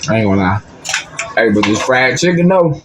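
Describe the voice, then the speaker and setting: A man's voice: medium pitch, animated, a little fast, noisy background. A middle-aged man, talking casually to viewers on a livestream in loose, rambling street slang. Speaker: livestream host.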